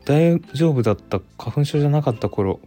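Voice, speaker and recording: A man's voice: a little high, a little fast, soft background music. A man with a Kansai accent hosting a casual solo livestream, chatting loosely and reading listener messages aloud. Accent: Kansai Japanese. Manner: chatty, animated, muses aloud with frequent fillers. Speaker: livestream radio host.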